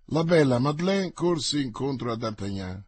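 A man narrating an audiobook in an expressive, even storytelling manner. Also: mid-range voice, normal speed, breathy edge.

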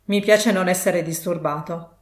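A cold, sarcastic old miser, as a woman reader puts him on, snapping out short, scornful replies in a fairly low voice. The audiobook reading has a roomy echo around it. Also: fairly even intonation, measured pace, close to an everyday voice. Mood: gruff. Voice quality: curt, scornful.

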